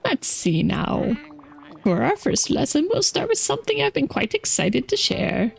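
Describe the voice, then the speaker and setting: A woman reading game dialogue aloud as a gentle old grandmotherly woman who teaches gardening, in a kindly storybook manner. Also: high voice, huge pitch swings, unhurried, gravelly, a little hiss or hum, voice pushed up, full character voice. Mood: warm, earnest.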